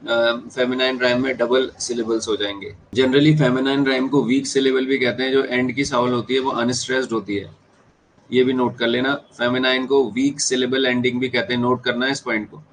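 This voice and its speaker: A man's voice: medium pitch, a little hiss or hum, rough recording. A man with an Indian accent teaching an exam-prep class, switching between Hindi and English, repeating key terms and checking whether students follow. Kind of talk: classroom lecture.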